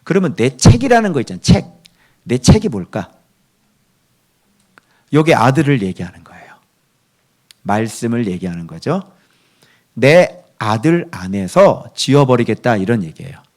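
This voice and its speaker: Male pastor, devotional sermon, lively swooping pitch, keeps checking in with the congregation, whispers scripture quotes. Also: normal speed, long pauses. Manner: asks the listeners for constant agreement, answers himself.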